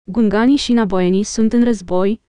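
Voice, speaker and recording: A woman voicing a calm, wise older male Jedi master who speaks gently and unhurriedly in an audiobook reading. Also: medium pitch, smooth, dry recording, natural voice.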